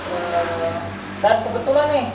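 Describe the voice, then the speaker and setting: Brief: man in his twenties, teacher from West Java, unhurried storyteller, recorded far from the mic with background noise. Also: high voice, lively intonation. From West Java, Indonesia. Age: 20s. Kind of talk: casual school talk. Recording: echoey room, distant mic, noisy.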